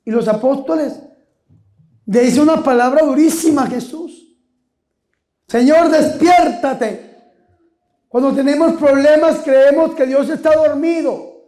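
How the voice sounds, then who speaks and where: A man, a priest, giving a lively sermon with call-and-response, repeating his questions and shouting key words. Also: very high-pitched, normal speed. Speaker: priest preaching. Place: church or retreat hall with a congregation. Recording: echoey hall with crowd.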